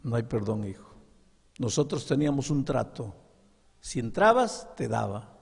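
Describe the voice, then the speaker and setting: A man's voice: mid-range voice, gravelly, husky, full character voice. A man voicing a firm but loving mother laying down the rules to her son, in a sermon story. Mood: stern. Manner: firm, deliberate, lively. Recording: long echo of a large hall.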